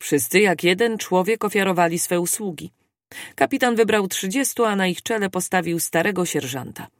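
An audiobook reader giving a steady, scripted narration of a classic adventure novel. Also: mid-range voice, normal speed, no echo, clean studio sound.

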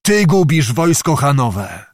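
A man voicing a fierce, furious Tatar war chief with a hoarse, roaring voice in an audiobook. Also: on the high side, very animated, slow pace, no room sound, studio quality. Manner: roaring, demanding.

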